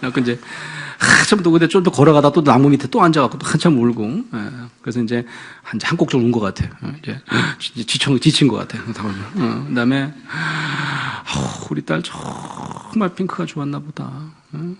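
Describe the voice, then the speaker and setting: A man, a pastor and professor, lecturing parents through animated storytelling and acting out scenes. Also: mid-range voice, quick pace, vocal fry, hardly any pauses, slightly rough.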